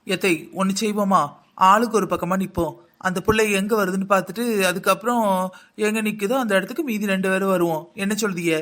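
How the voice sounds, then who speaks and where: A performer voicing a grumbling young village daughter-in-law in a cartoon, with a southern Tamil Nadu accent and a deep, almost mannish voice. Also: steady tone, fast talker, a bit bright, lightly acted. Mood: practical. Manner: sarcastic, complaining. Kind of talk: village comedy cartoon dub.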